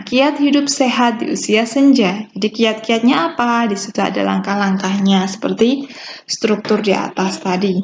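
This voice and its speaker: A woman teacher giving a recorded lesson, explaining step by step with slow, deliberate delivery and small fillers. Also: on the high side. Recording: dull lo-fi recording with faint hiss.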